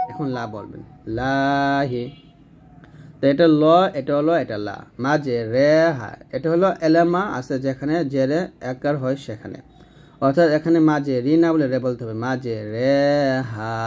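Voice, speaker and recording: A man with a Bangladeshi Bengali accent giving a step-by-step tajweed lesson, spelling out letters and drilling each syllable slowly. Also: medium pitch, a little mellow. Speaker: Quran recitation teacher.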